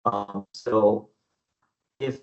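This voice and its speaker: A man's voice: lowish voice, fairly even intonation, very slow. Man on a call whose voice keeps cutting out. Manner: hesitant, with many filler sounds. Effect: call connection breaking up, voice cutting out. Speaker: software demo presenter. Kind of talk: online webinar presentation. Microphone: online meeting call mic. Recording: dull lo-fi call audio that breaks up.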